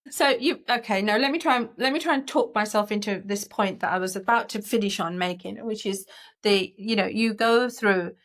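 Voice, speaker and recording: A woman co-hosting a coaching podcast, explaining ideas earnestly in a relaxed conversational way, often restarting her sentences. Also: mid-range voice.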